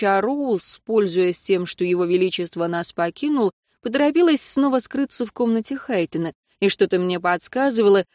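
Expressive woman reading an audiobook. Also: medium pitch, dry recording, clean studio sound. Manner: expressive storytelling. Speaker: audiobook narrator. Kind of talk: first-person audiobook narration.

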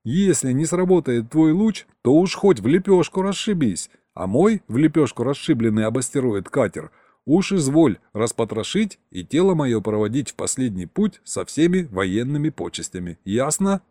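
A man's voice: medium pitch, sing-song, normal speed, warm tone, no room sound. A man voicing a joking young male pilot in an audiobook, wry and mock-dramatic, drawing out his words. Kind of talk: audiobook character voice.

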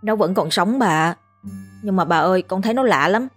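A woman's voice: medium pitch, expressive, moderate pace, faint music behind, close to an everyday voice. A woman voicing a frightened young village man who stammers in panic. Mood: uneasy.

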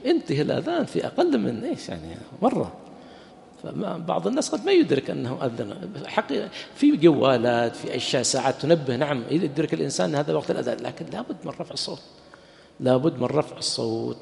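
A man with a heavily gravelly voice teaches a religious lesson at a brisk pace. He poses questions, answers them himself and jokes with the people listening. His voice rings through a mosque hall with a long reverb. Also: on the high side, a little mellow. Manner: jokes and laughs with the audience.

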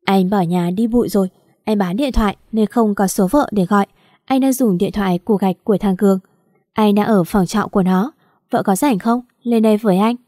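In a storybook audio drama, a rebellious young man talks back and pleads with his girlfriend, as a woman narrator reads him. The voice is mellow and warm, recorded dry and close. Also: mid-range voice, brisk, dry recording, natural voice. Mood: pleading. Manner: defiant, pleading.

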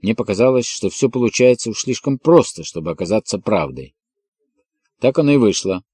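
A man reads a novel aloud in the first person, calm and measured. His low voice has a slight husky grain, recorded close on a studio microphone and sounding dry. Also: no room sound. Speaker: audiobook narrator. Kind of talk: first-person audiobook narration.

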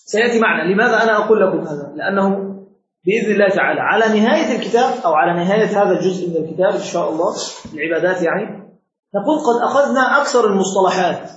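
A man giving a classroom lecture as a religious teacher, quizzing his students with repeated questions. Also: high voice. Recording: very echoey room, dull lo-fi sound.

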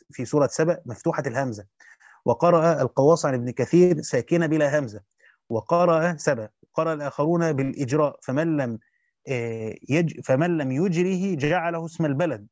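A man reads a classical text at a brisk clip, his voice sitting a little high. He breaks off now and then for short asides to his students. The recording is dry and dull, with a lo-fi sound. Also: darkish tone, no room sound. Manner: quick recitation with brief spoken asides to students. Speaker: teacher reading a Quran commentary. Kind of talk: reading a classical text aloud with commentary.

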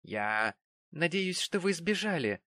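Man doing a shrill, huffy young lady. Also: very animated, slow pace, pushed and bright, dry recording, full character voice. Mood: indignant. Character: affected, indignant young woman of manners.

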